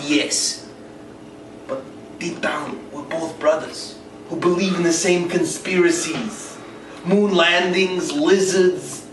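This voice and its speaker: A man acts out a brash, boastful male wrestler cutting a comedic promo. He is crude and mock-pompous, pitched a little high, in a roomy space away from the mic with some hiss. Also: a bit bright. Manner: mock-pompous, theatrical, foul-mouthed. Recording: echoey, distant mic with hiss.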